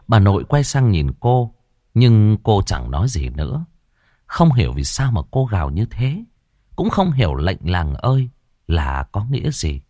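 Expressive man telling a ghost story. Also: low voice, no room sound, studio quality. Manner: expressive, rises and falls dramatically.

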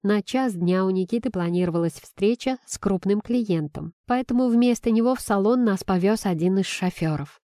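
A woman reading a first-person novel aloud in a measured, expressive storytelling manner. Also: mid-range voice, no room sound, studio quality. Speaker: audiobook narrator.

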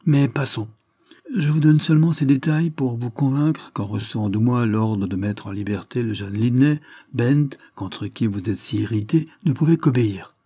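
A man reading the part of a shrewd, authoritative police chief in an audiobook, measured and explanatory. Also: mid-range voice, warm tone, husky, dry recording, studio quality, close to an everyday voice. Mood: firm.

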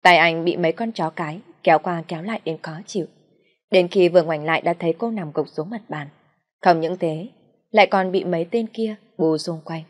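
A woman narrating an audiobook in a steady storytelling read. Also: on the low side, brisk. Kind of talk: scripted narration.

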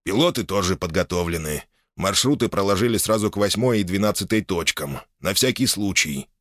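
A man's voice: deep voice, animated, brisk, a bit bright, no room sound, studio quality. A man voicing an eager, restless young nobleman reporting to his father. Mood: businesslike. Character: young restless boyar's son, eager subordinate.

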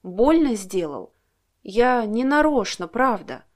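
A woman voicing a gentle, apologetic young man who talks slowly and quietly. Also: fairly high pitch, big pitch swings. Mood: soothing apologetic. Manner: slow, soft, quiet.

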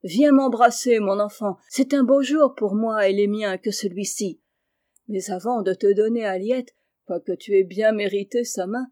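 A woman reading aloud voices an old lord, a soft-hearted father who speaks fondly. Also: mid-range voice, natural voice.

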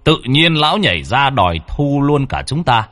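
A man's voice: mid-range voice, sing-song, moderate pace, fairly bright tone, pitched above the performer's own voice. A man doing a stiff cat-headed ghost bailiff. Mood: formal accusing.

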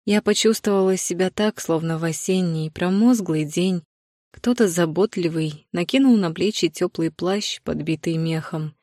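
A woman narrating a fantasy novel in the first person with an even, composed delivery. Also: on the low side, normal speed, no echo, studio quality. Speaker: audiobook narrator.

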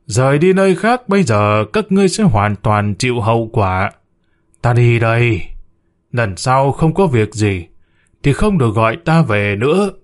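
A man voicing a stern male ancestral spirit who speaks through a medium, slow, solemn and commanding. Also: medium pitch, expressive, lightly acted.

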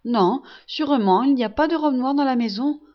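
A woman reading a gentle young nurse. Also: high voice, moderate pace, lo-fi sound, voice pushed up, lightly acted. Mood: coaxing. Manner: soft, coaxing, reassuring. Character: gentle young woman nursing a sick friend.

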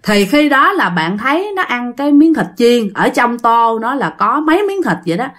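A woman's voice: on the high side, sing-song, moderate pace, a bit bright. Chatty woman telling ghost stories. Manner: chatty, addresses listeners often, many fillers. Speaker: storyteller. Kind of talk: casual ghost story retelling.

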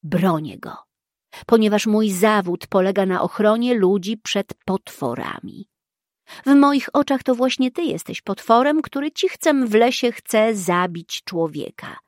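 Calm male witcher read by a woman, measured, slow, dry close mic. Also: medium pitch, dry recording, close to an everyday voice. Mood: stern. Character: calm dark-haired male witcher, steady and wry.

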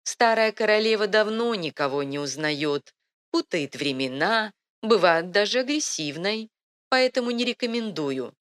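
A woman's voice: mid-range voice, lively intonation, measured pace, a bit bright, pitched above the performer's own voice. A woman voicing a sly, condescending male court advisor in an audiobook. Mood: smug. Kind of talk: audiobook reading.

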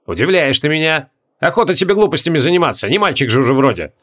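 A man's voice: a little high, animated, quick pace, fairly bright tone. A man reading an audiobook voices a bald, wry wizard who needles a colleague. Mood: mocking.

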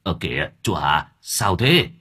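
A man voicing a scruffy, broke middle-aged male vagrant who stammers and pleads in a hushed tone. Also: deep voice, very animated, measured pace, husky, voice pushed down, heavily acted. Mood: sheepish pleading.

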